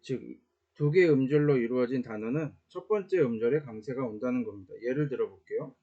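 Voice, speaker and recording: Man, Latin grammar teacher, warm mellow tone, unhurried and halting, lots of "uh" fillers, dull lo-fi sound. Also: mid-range voice. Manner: explains slowly with many "uh" fillers and self-corrections. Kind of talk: casual online grammar lesson.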